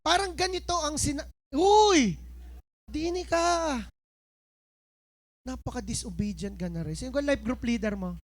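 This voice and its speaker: A woman pastor with a high voice delivers a lively, playful sermon. She acts out a scene with a volunteer and slows down to read scripture with care. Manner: animated, playful, switches between preaching and slow scripture reading. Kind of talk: lively sermon with a live demonstration.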